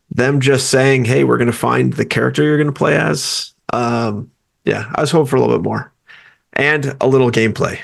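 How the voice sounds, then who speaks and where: A man's voice: mid-range voice, creaky. A man co-hosting a gaming podcast, chatting casually with opinionated asides. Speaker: podcast co-host. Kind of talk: casual chat.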